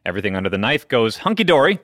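A man's voice: medium pitch, big pitch swings, very fast, a bit bright, no echo, clean studio sound. A man co-hosting a medical radio show, reading health news with jokey, pun-filled banter. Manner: jokey, fond of puns.

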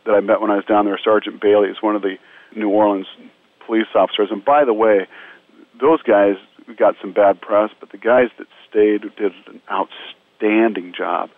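A man's voice: lowish voice, flat delivery, moderate pace, no echo. A man earnestly recounting his disaster relief work in a radio interview. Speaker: disaster relief medical team member. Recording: narrow phone-line sound.

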